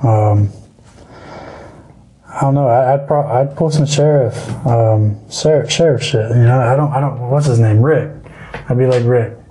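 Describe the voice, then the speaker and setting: Male podcast guest, mellow dark voice, boastful and profane, laid-back. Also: mid-range voice, unhurried. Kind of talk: casual podcast chat.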